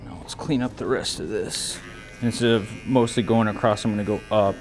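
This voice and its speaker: Working in a brick-walled barber shop, an American barber explains a haircut as he goes, at normal speed in a lowish, steady voice. The tone is easygoing and instructional, like he's thinking out loud. You can clearly hear electric clippers buzzing and humming.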